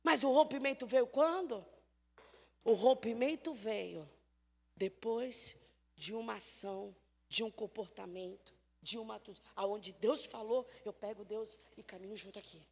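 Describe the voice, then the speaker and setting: A woman with a Brazilian Portuguese accent preaches a church sermon, telling the story lively, acting out the dialogue and swinging from loud to soft. Her voice is on the high side, unhurried, gravelly and husky, with a big-room sound.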